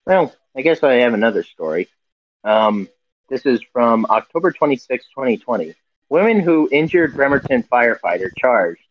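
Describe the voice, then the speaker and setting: A man co-hosting a casual podcast over a video call, reading out news headlines in a halting way full of fillers and self-corrections while his audio breaks up. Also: medium pitch, big pitch swings. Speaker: podcast co-host. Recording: dull, muffled call audio.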